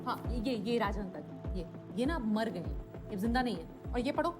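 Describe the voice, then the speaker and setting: A woman's voice: fairly high pitch, animated, a little fast, over music, close to an everyday voice. An actress playing a woman from the future, urgently pleading and explaining in a film drama. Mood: gently explaining. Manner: urgent, pleading, repeats his name. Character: earnest young woman pleading with a boy. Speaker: hospital worker from the future. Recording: roomy echo, loud film score.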